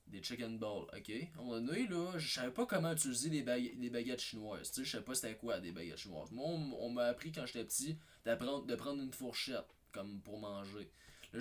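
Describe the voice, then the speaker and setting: Québécois guy rambling thru a funny story, lots of uh and restarts, mid-pitched voice. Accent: Québécois French. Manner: hesitant, repetitive, full of fillers and restarts. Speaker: comedy video maker. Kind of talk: rambling comedic anecdote.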